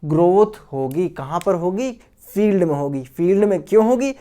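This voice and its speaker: A man's voice: high voice, animated, moderate pace, mellow. A male science teacher giving a video lecture to school students. He mixes English technical terms into his sentences, repeats key words, calls the students guys, and asks questions that he answers himself.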